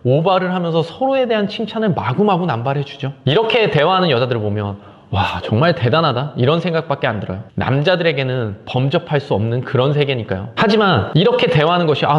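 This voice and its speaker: Fast, lively man giving a talk. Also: fairly high pitch, long reverb tail, muffled recording. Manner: energetic, emphatic, more forceful than usual; acts out quoted dialogue. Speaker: speaker giving a morning talk on conversation skills. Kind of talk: motivational talk to camera.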